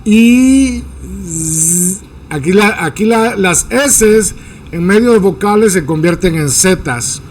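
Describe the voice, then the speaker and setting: Guy from guatemala teaching english sounds, high voice, slow and stretched out, bit of faint noise behind. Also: expressive, rough recording. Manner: slow, drawn-out demonstration of sounds, playful jokes. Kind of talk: casual spoken lesson.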